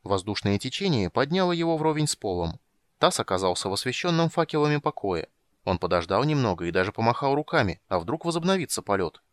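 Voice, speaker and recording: A man narrating an audiobook in an expressive, animated reading. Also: mid-range voice, fast, no room sound.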